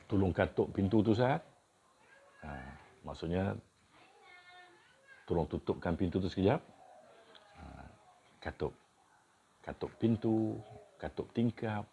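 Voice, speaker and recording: A man teaches in an informal, explanatory way. His voice is low and mellow, and he takes his time, repeating words alongside their meanings. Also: a little hiss or hum. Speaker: teacher of Kedah dialect words. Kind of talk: informal dialect lesson with example sentences.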